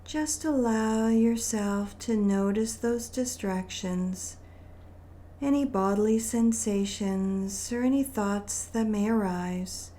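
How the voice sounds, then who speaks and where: A woman with a mid-range voice guides a meditation, gentle and soothing, phrasing her words deliberately and leaving long pauses.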